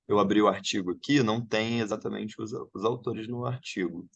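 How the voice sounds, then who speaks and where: A man's voice: on the low side, brisk, husky, muffled recording. A man organizing an online academic session, checking details aloud as he goes. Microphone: video call.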